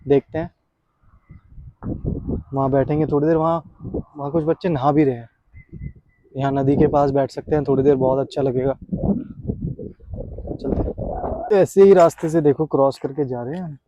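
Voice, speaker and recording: A man's voice: a little high, fairly even intonation, normal speed, long pauses, warm tone, no room sound, rough recording. A man talking casually to camera on a travel vlog, chatty and joking, telling stories while walking outdoors on mountain trails. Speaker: travel vlogger.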